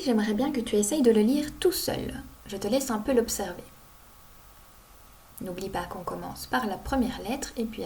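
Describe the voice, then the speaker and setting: A woman teaching young children to read, sounding out each word slowly and clearly. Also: a little high, warm tone. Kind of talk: reading lesson for young children.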